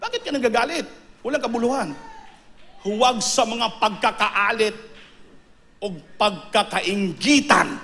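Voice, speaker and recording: A male preacher delivering a sermon, emphatic and repetitive, breaking into sudden high bursts on key words. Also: measured pace, long pauses, bright, forceful tone, a little hiss or hum.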